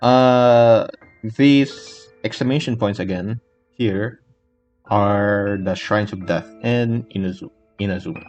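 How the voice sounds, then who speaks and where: A man with a fairly low, darkish voice speaks slowly, giving casual, unscripted gameplay commentary. He's a gaming video creator, and he comes across as hesitant, rambling and easily distracted. Faint game music plays in the background.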